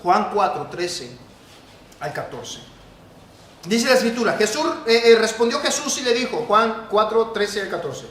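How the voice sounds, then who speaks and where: Passionate Mexican pastor preaching. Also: male voice, sits high, lively intonation, measured pace, echoey room, a little hiss or hum. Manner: impassioned preaching, swings from loud to hushed, often addresses listeners as brother. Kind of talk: sermon.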